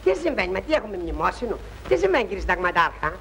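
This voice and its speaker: An actor playing a naive young soldier in a 1960s film comedy, rambling and apologizing, with pompous turns of phrase. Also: male voice, high-pitched, sing-song, vocal fry, fairly bright tone, heavily acted. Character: naive, talkative young soldier, pleading and indignant. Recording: noisy old film soundtrack.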